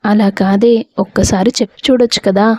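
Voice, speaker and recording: A woman's voice: mid-range voice, fairly even intonation, a little fast, darkish tone, husky, no room sound, lightly acted. A woman voicing an outspoken young woman friend who worries over her crying roommate. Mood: concerned. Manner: outspoken, teasing. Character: young woman, blunt caring hostel friend.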